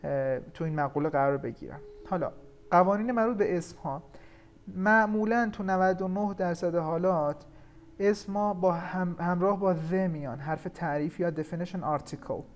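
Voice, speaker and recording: A man from Iran teaching an English grammar lesson, explaining patiently and slowing down to read English example sentences. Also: high-pitched.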